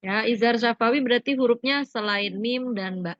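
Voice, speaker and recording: A woman's voice: fairly high pitch, normal speed, no echo, muffled recording. A woman teacher going over a lesson with her class, asking questions and prompting students for answers. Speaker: religious studies teacher.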